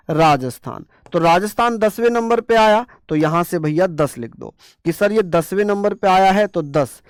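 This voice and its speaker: High-pitched and smooth, with no echo, this man leads an online coaching lesson for exam prep. His questions get answered by himself in a repetitive back-and-forth. He mixes in playful mnemonics and scolding asides.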